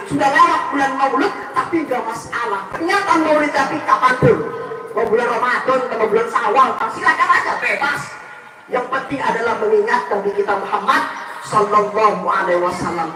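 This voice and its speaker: Brief: high-voiced village preacher, lively storytelling, far off the mic through an echoing PA. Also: male voice. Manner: lively, addresses audience directly. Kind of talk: storytelling sermon. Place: village religious gathering outdoors.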